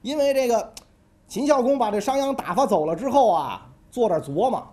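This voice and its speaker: A storyteller spinning ancient history as a comic tale, chatty and full of asides. The pitch swings widely, keeping the telling lively. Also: brisk. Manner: chatty, colloquial asides, frequent "right?".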